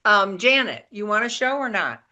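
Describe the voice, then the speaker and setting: A woman's voice: medium pitch, sing-song, normal speed, sharp tone, muffled recording. A woman leading an online drawing class, chatty and encouraging as she calls on students to share their work. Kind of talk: casual online class chat.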